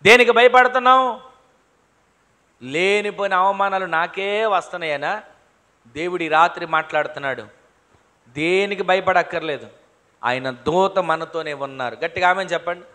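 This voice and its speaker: A man's voice: fairly high pitch, normal speed, pushed and bright. A man preaching a sermon to his congregation, repeating phrases and asking rhetorical questions, often calling on them to say amen. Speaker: pastor. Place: church hall.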